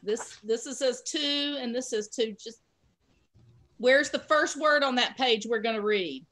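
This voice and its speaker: A woman's voice: fairly high pitch, unhurried, a bit bright. A woman teaching an online pre-K class, giving patient, encouraging prompts over a video call.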